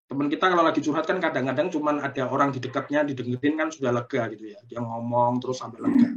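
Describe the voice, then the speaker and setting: Over a video call, a man gives a webinar talk on parenting, explaining patiently and often checking in with short tags like "you see." His voice is medium-pitched and steady in tone, and he speaks fast. The sound is lo-fi.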